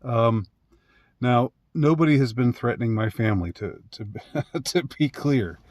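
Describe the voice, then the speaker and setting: A man's voice: mid-range voice, lively intonation, moderate pace, darkish tone, no echo, clean studio sound. A man talking in a casual monologue, rambling and hesitant, with many fillers and restarts and frequent chuckles. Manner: chuckles often. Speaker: commentator.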